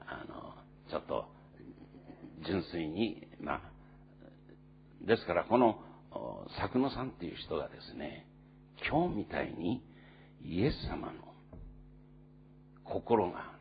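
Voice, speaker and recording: A man preaching a sermon in an earnest, storytelling manner, with many pauses and fillers. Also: sits low, creaky, lo-fi sound, a little hiss or hum. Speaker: pastor.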